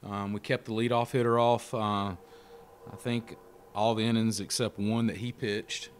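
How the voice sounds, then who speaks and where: Low, flat-voiced middle-aged coach. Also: male voice, normal speed, slight background noise. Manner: plain, steady, many fillers. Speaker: head baseball coach. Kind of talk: postgame press conference. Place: press room before a sponsor backdrop. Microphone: handheld mic held close.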